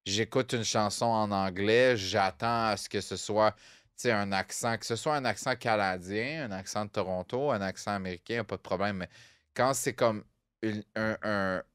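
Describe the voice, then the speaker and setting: A young podcast co-host with a Québécois French accent speaks at a normal speed in a fairly low, fairly bright, smooth voice. The dry, studio-quality recording captures casual, rambling chat packed with fillers and English phrases.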